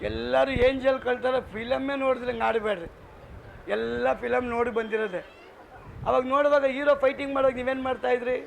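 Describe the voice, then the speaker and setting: A man's voice: very high-pitched, level tone, a little fast, vocal fry, a little hiss or hum. A male pastor with a Kannada accent preaching a sermon in a church, asking the congregation questions and calling for responses. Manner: rhetorical call-and-response preaching. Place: church hall.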